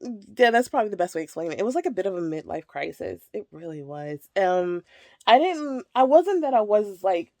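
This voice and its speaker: This casual chat comes from a woman in her thirties who vlogs while packing clothes in a child's bedroom. Her mid-range voice, a little mellow and slightly nasal from a cold, swings widely in pitch and moves briskly as she rambles, laughs frequently and fills gaps with "like" and "um"; there's no echo.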